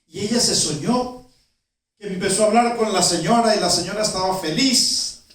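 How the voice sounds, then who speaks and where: A male pastor telling a story in a sermon, with vivid storytelling that swings between loud and hushed. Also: sits high, moderate pace. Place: church sanctuary. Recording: echoey church from far off.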